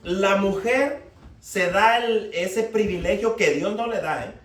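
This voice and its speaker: A man's voice: high-pitched, slow pace, fairly bright tone. A man preaching a sermon, firing rhetorical questions at the congregation. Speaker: pastor. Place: church hall. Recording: echoey room, mic far off, faint noise.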